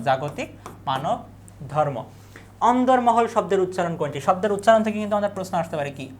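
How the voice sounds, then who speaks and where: A young adult tutor gives an exam revision lesson. The tutor asks quiz questions and answers them in quick lists. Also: mid-range voice, a little hiss or hum.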